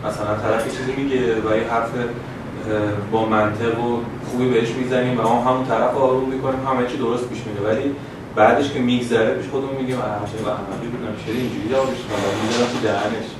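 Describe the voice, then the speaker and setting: A man in a class makes a measured, reflective comment, heard from far off across the room. The room is very echoey, and a loud rumble runs underneath his voice. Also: level tone. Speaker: student.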